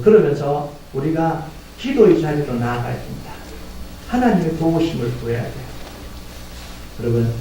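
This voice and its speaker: Impassioned high-voiced pastor in echoey church. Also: male voice. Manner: impassioned preaching, swings from hushed to shouting. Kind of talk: sermon. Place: church sanctuary in Texas. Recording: distant echoey church sanctuary with faint noise.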